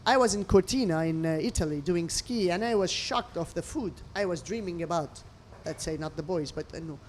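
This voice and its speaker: A faint hiss or hum runs under this fairly low-pitched, brisk female voice. The speaker, a middle-aged restaurant owner from Lebanon, is interviewed over a meal and narrates expressively in imperfect English with non-native turns of phrase.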